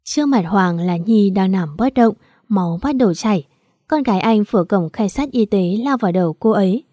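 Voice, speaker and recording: Mellow woman narrating a sad story. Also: medium pitch, lively intonation, moderate pace, no echo. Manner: emotional, mournful reading. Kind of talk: dramatic audio story narration.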